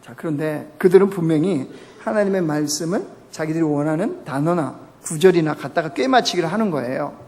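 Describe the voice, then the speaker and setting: Male pastor preaching, keeps asking the congregation questions, highish voice, long echo from the church hall. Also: animated, fairly quick, a little mellow. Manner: asks the congregation rhetorical questions. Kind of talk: sermon. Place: church sanctuary.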